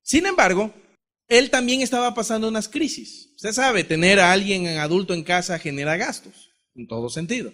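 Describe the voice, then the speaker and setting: A preacher from Ecuador delivers a heartfelt testimony sermon. His voice sits high for a man, and he talks with impassioned energy. He acts out conversations with God and his brother. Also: expressive, normal speed, a bit bright.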